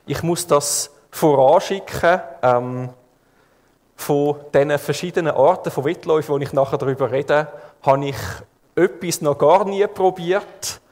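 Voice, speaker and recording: A male preacher with a Swiss German accent delivers his sermon at an unhurried pace, calm and measured. He paints scenes vividly for his congregation. His voice rings out with the long reverb of a church hall. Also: a little high.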